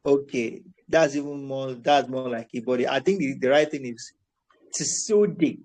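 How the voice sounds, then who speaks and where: A man leads a live voice-chat class. He coaxes his students along, corrects them, and doubles back on his words mid-sentence. His voice sits in a middle pitch. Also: steady tone, moderate pace, a little mellow, poor audio. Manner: coaxing, corrective, repeats and restarts phrases. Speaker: tutor.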